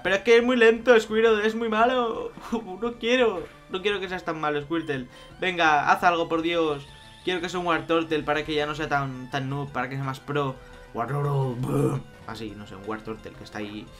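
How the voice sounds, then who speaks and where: Excitable young Spanish gaming commentator. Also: male voice, on the high side. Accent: Spain Spanish. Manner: excitable, swings from mumbling to loud outbursts. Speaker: let's play youtuber. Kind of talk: gameplay commentary. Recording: faint music behind.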